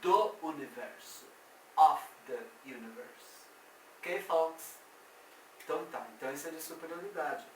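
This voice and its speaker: A man, teaching English grammar in a slow, drawn-out way and repeating each example. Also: a little high. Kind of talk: explaining grammar at a board. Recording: echoey room from far off, faint noise.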